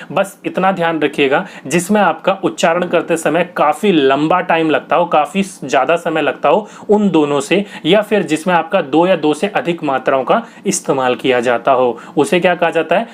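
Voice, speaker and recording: A man's voice: a little high, normal speed, hardly any pauses. A young man teaching a grammar lesson for exam prep, asking questions and answering them himself in a patient, repetitive way.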